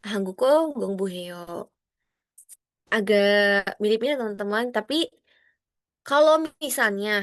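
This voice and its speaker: A woman teaching an online class in a friendly, patient way, often acting out sample phrases with rising or falling tones. Her voice sits in a middle range. The sound is dry and close, with no room around it. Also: no echo. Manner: friendly, explains patiently, addresses students as friends; acts out sample phrases with rising or flat pitch. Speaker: Korean language teacher.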